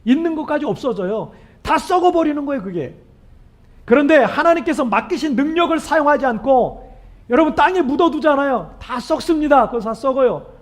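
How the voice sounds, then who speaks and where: The preacher, a man, speaks with earnest force during his sermon, turning often to the congregation with questions. A strained, hoarse quality weakens his voice, which cracks up high.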